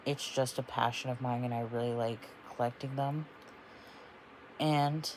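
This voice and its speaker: A young man of about twenty talks casually through a bookish vlog, wandering through his thoughts with frequent ums and restarts. His voice sits at an ordinary middle pitch for a man. A faint background noise runs under the recording. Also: a little mellow, poor audio. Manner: chatty, rambling with many ums. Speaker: book vlogger.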